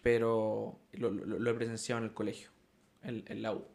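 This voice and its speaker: A man's voice: on the low side, level tone, normal speed, creaky, a little mellow. Slangy Chilean man leading the chat. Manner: slangy, chatty, asks the questions. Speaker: podcast co-host. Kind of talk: casual chat.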